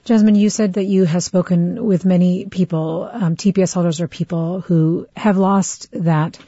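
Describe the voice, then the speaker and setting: A woman's voice: lowish voice, steady tone, normal speed, warm tone, breathy edge, no echo, muffled recording. A woman hosting a news interview, asking short, direct questions. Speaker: host.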